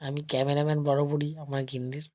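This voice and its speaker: A man narrates a casual vlog, talking slowly and quietly because of a sore throat. His delivery stays flat and even, with little rise and fall. It is recorded on a phone he holds himself as he walks around temple grounds. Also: on the high side, dull audio. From West Bengal, India. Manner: speaks slowly and softly, addressing viewers as friends. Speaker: travel vlogger. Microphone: phone held while filming.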